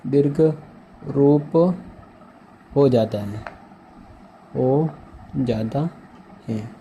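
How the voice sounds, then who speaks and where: A man's voice: medium pitch, dark tone, lo-fi sound, a little hiss or hum. A man teaching a grammar lesson, who repeats each word and keeps asking his students questions. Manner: slow, repeats words and asks the class questions. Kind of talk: slow, repetitive grammar lesson.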